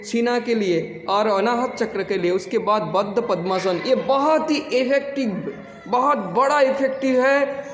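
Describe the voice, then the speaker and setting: A man teaching yoga in a casual, halting way, with many restarts and some throat clearing. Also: high voice, roomy sound, in a large hall. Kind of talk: casual spoken instruction.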